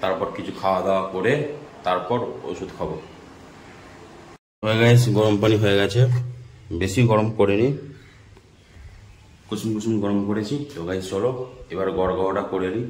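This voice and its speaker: Low-pitched man, sore throat, chatty daily vlog, echoey room with faint hiss. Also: steady tone, normal speed, pauses often. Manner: chatty, repeats subscribe requests. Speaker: vlogger.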